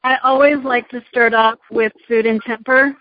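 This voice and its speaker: A woman teacher talks through questions in a relaxed discussion, pausing often with fillers. Her voice sits fairly high and stays flat in pitch. The sound is dry and somewhat dull. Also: no echo. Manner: friendly, hesitant with fillers. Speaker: teacher giving advice. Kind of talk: casual Q&A discussion.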